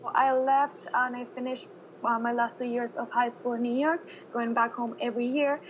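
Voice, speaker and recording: A woman's voice: fairly high pitch, level tone, moderate pace, slight background noise, poor audio. A woman, earnestly answering interview questions. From Venezuela. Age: 20s. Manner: earnest, unscripted account.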